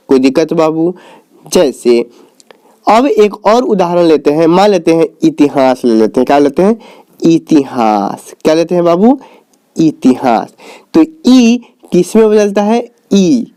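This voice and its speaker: A man teaching a recorded lesson in Hindi, asking questions and answering them himself, drawing out each answer lower and slower. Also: mellow, smooth. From Bihar, India. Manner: asks questions and answers them himself, calls the viewer "babu".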